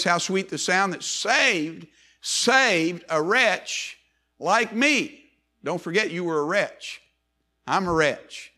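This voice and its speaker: An older man preaching a sermon in church, repeating key phrases and slowing down hard on words he wants to stress. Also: sits high, sharp tone. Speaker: pastor.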